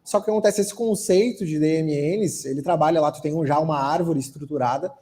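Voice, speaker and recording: A man with a mellow, warm voice answers an audience question at a tech conference. He explains at an easy pace and often ends his phrases with a questioning tag. His voice sits a little high for a man. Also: fairly quick. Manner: explanatory, relaxed, frequent "né?" tags. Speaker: software architect speaker.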